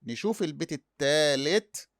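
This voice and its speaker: Man, Egyptian accent, teacher, self-questioning explanations, fairly high voice, dry close sound. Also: normal speed, fairly bright tone, dry recording. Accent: Egyptian Arabic. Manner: asks and answers his own questions. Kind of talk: explanatory lesson.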